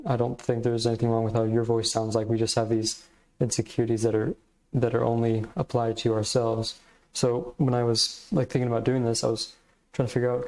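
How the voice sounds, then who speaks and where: A man's voice: mid-range voice, warm tone. A man hosting a podcast, giving casual, reflective commentary in hesitant, meandering phrasing. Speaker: podcast host.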